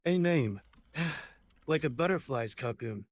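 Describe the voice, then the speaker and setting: A man's voice: mid-range voice, lively intonation, unhurried, slight background noise, close to an everyday voice. A text-to-speech man voicing a pompous chatbot. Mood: grandiose. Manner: ornate, archaic, lecturing speech. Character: pompous flowery male chatbot, grandiose and theatrical.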